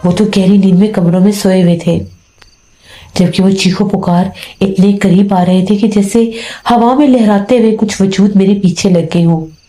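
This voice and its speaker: A woman's voice: medium pitch, steady tone, normal speed, warm tone. A woman narrating a scripted horror story in the first person, acting out the dialogue of its characters. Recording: roomy echo with faint music.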